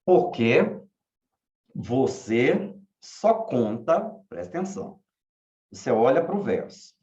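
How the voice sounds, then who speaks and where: Slow, lively teacher in echoey room. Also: male voice, medium pitch. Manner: slow, questioning, repeats key words. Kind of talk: online class lecture. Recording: echoey room, dull lo-fi sound.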